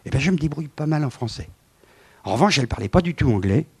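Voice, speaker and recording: Man, 70s, animated lecturer with slides; bursts of emphasis and murmured asides, slightly high-pitched. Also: fast talker, breathy edge. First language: French. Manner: animated, swings from loud emphasis to quiet asides.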